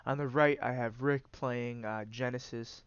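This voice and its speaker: An unhurried man with a stuffy nose hosts a card game and offers rambling, laid-back play-by-play in a medium-pitched, fairly even voice. The sound is clean and dry with the highs cut off, and his speech is peppered with "uh" fillers and restarts.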